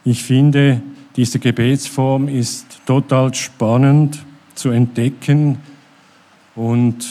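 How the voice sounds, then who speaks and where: Man, middle-aged, sermon, very slow, contemplative, mellow voice. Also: medium pitch, level tone. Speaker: church speaker.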